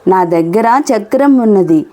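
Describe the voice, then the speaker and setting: A woman's voice: mid-range voice, lively intonation, measured pace, dark tone, close to an everyday voice. Woman reading as a kind village boy. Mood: gentle.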